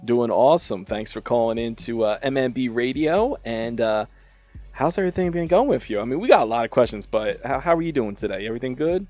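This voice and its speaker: A man's voice: medium pitch, expressive, brisk, darkish tone, faint music behind. A man hosting a radio show, interviewing a guest in a casual, laid-back way with loose, rambling questions. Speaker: radio host.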